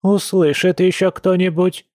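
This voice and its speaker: A male narrator lifts his voice into a grumbling old village granny who wheedles and drags out her words, pitched higher than his own plain reading. Close and dry, with no room around it. Storybook character reading. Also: level tone, a little mellow, no echo. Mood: anxious, hushed. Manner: folksy, wheedling, drawn-out speech. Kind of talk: audiobook character voice.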